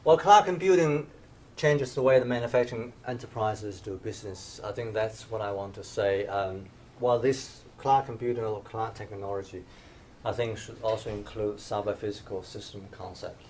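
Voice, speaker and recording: In a dim lecture room beside the projector screen, a low-voiced professor, an invited speaker, delivers a conference lecture at normal speed, his tone a little mellow. He hesitates often, with many fillers and restarts, and a slight hiss or hum sits in the audio.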